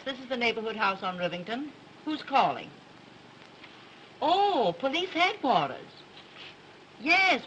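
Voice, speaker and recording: A woman's voice: fairly high pitch, bright, forceful tone, a little hiss or hum, heavily acted, low-quality recording. An actress playing a kindly, motherly woman who runs a neighborhood house, in early 1930s talkie film sound. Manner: kindly, fussing, reassuring.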